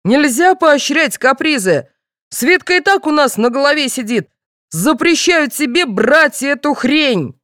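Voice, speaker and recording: A woman reading the part of a blustering, quick-tempered middle-aged father who scolds and shouts. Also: mid-range voice, sing-song, no room sound, clean studio sound, close to an everyday voice. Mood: shouting.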